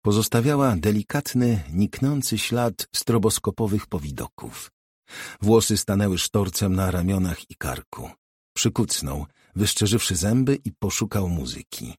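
A man narrating an audiobook in a measured, unhurried reading. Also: lowish voice, animated, a little mellow, slightly rough, no echo, clean studio sound. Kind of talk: scripted narration.

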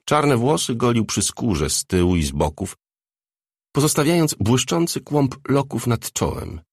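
A male audiobook narrator with a deep, gravelly and husky voice. He reads in a measured yet lively way, with his pitch moving a lot, recorded close in a dry booth. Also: no room sound. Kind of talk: scripted narration.

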